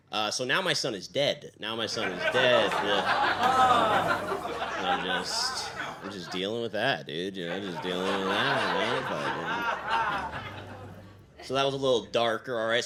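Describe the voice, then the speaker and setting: A young man doing a deadpan stand-up set on a stage mic, padding his lines with fillers and "all right?". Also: mid-range voice. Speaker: stand-up comedian.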